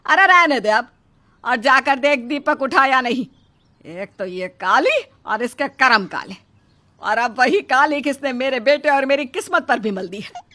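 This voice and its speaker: Bright scolding mother-in-law, cartoon story, woman doing the voice, high-pitched, taunting. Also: animated, unhurried, exaggerated voice. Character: harsh scornful middle-aged mother-in-law.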